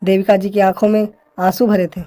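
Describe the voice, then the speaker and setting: A woman's voice: medium pitch, flat delivery, brisk, warm tone. A woman reading a scripted family story aloud, voicing every character in the same voice with dramatic, scolding delivery. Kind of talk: scripted narration.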